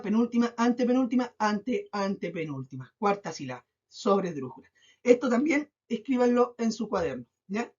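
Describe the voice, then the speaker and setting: Woman teaching, high voice, muffled sound. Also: a little mellow, slightly rough. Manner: patient, stresses syllables slowly, checks in with "¿ya?". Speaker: school teacher. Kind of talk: recorded online class. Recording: dull lo-fi recording.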